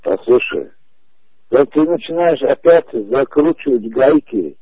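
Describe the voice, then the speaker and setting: A husky man in his forties presses his point over a muffled phone line, repeating the same questions with insistent calm. His gravelly voice rises and falls in wide swings, in dry, close audio. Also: mid-range voice, unhurried, no room sound. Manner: insistent, repetitive, calmly emphatic. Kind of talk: heated phone conversation.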